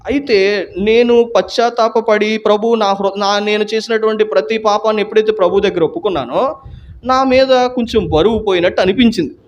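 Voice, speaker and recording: A man's voice: sits high, steady tone, fairly quick, muffled recording. A man telling his personal salvation testimony in an earnest storytelling way, with frequent restarts and hesitations. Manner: earnest storytelling that acts out quoted dialogue.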